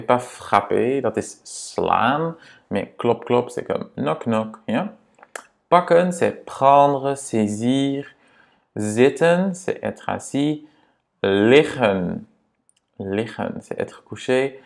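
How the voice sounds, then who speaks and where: A man speaking walks beginners through grammar at an unhurried pace. His voice carries a gravelly rasp, and he repeats each example patiently, checking in as he goes. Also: fairly low pitch, a little mellow. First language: Dutch. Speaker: language teacher.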